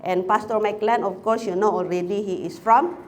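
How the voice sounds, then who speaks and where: A woman's voice: medium pitch, fairly even intonation, normal speed, slight background noise. Chatty woman from the Philippines. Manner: chatty, asks the audience questions. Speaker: chaplaincy speaker. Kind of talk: casual talk to an audience.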